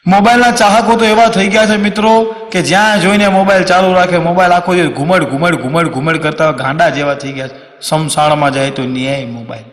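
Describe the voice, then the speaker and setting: A man from Saurashtra with a Kathiawari Gujarati accent, telling comic stories on stage in a lively way. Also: on the high side, brisk. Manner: lively, swings into loud acted quotes. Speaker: stand-up comedian. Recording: long hall reverb on a stage mic.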